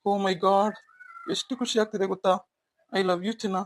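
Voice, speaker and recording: A woman's voice: mid-range voice, little pitch movement, measured pace, close to an everyday voice. Woman playing a devoted young husband, tender. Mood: pleading. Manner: tender, apologetic, coaxing. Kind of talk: cartoon voice acting.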